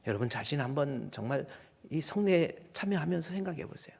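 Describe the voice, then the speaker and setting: A middle-aged male pastor preaching a sermon, moving between quiet asides and loud, emphatic peaks. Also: fairly high pitch, expressive, a little fast, creaky, husky. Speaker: senior pastor. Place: church sanctuary. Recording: long reverb of a church hall.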